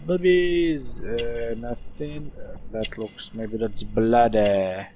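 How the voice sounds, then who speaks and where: A man's voice: on the low side, takes it slowly, mellow, a little hiss or hum. A man doing a casual let's play commentary, joking, rambling and reading game text aloud.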